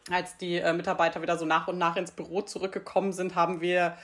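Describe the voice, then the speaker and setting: A woman's voice: lowish voice, flat delivery, quick pace, fairly bright tone. A woman, a guest in an interview, talking chattily and laughing as she tells stories. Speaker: employee engagement team member, guest. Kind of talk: conversational interview talk.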